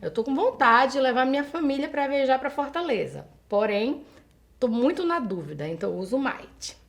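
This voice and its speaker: A Brazilian woman who teaches English, explaining grammar step by step, reading example sentences slowly and translating them for her students. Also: high-pitched, expressive, vocal fry. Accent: Brazilian Portuguese. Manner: addresses students directly, asking them questions. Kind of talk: recorded online school lesson.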